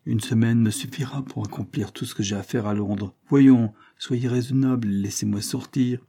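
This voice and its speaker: A man reading aloud, voicing a cold, impudent aristocrat who answers firmly and calmly. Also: mid-range voice, normal speed, creaky. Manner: cold, firm.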